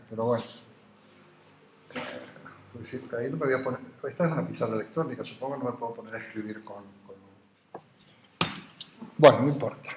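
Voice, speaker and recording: A man gives a university philosophy lecture, wandering into asides as he explains Greek terms. His voice sits at an ordinary middle pitch, and it carries a noticeable room echo the classroom. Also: noisy background. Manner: digressive, explains Greek terms slowly, spells words out.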